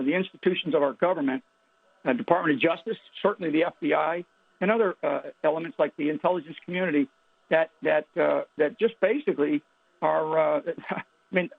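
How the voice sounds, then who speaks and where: A man speaking as an interview guest over a phone line, halting and emphatic, with many restarts. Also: on the high side, creaky. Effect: heard over a phone line. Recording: tinny dry phone line.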